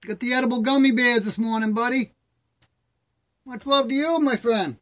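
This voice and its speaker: High-voiced man with toothless, lips-over-gums speech. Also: fairly even intonation, normal speed, a bit bright. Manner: rambling, friendly, addresses viewers as buddy. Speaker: live stream host. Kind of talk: casual chat to live stream viewers.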